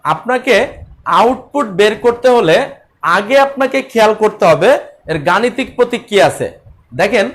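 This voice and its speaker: উঁচু গলার বাংলাদেশি পুরুষ শিক্ষক. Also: male voice, high voice, expressive, normal speed. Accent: Bangladeshi Bengali. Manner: repeats key points, addresses students directly. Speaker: teacher. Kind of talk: online class lecture.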